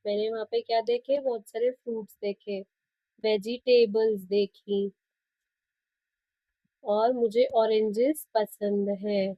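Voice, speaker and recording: Indian woman teacher, patient, slow, encouraging small pupils; dull lo-fi recording. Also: mid-range voice, dry recording. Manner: explains English words in Hindi, praises the pupils. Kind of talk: bilingual lesson for young children. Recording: dry, dull lo-fi sound.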